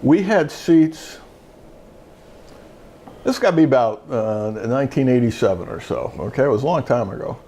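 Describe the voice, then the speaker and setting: A man's voice: mid-range voice, animated, moderate pace, pauses often, mellow, a little hiss or hum. Older man telling a rambling anecdote. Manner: rambling anecdotes full of restarts and fillers. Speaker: show host, retired judge. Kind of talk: casual storytelling chat.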